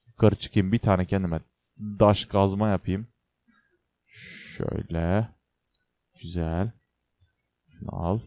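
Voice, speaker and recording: A man's voice: deep voice, mellow. A young man hosting a casual game let's play, chatting to viewers and to the creatures on screen with joking exclamations. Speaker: gaming channel host.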